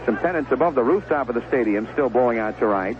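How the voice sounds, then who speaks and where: This mid-range male voice moves quickly with lively intonation as he narrates a baseball game live for 1970s radio, speaking in clipped bursts and chatty description. He works from a stadium broadcast booth with a broadcast microphone and headset earphones, and the sound is dull against a noisy backdrop.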